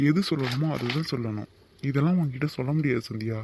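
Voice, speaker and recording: A man's voice: medium pitch, quick pace, creaky, background noise, lightly acted. A man voicing a curt, irritable young man in a cartoon, brusque and dismissive. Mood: irritated. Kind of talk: animated cartoon voice acting.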